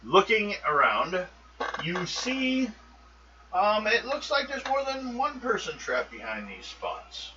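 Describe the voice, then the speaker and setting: Lively game master, distant noisy mic. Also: male voice, sits high, takes it slowly. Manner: lively, loose delivery with frequent ums. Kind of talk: narrating a tabletop game. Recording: muffled, distant mic with steady noise.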